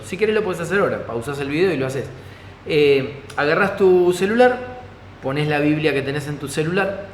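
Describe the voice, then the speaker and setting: A pastor with a Rioplatense Spanish accent teaching a Bible study in a conversational way, often checking in with his listeners. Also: fairly high pitch. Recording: echoey hall, faint ambient noise.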